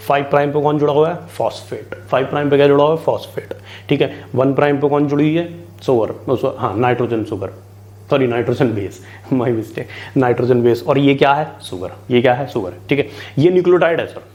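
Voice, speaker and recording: Male biology tutor from India, mid-pitched, conversational question-and-answer lecture style. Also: a little fast, darkish tone. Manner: chatty, keeps asking and answering his own questions, mixes in English terms. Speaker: biology teacher. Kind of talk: online exam-prep lecture.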